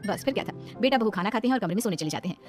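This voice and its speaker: A woman narrating a cartoon moral story in rapid storybook style. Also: medium pitch, lively intonation, faint music behind.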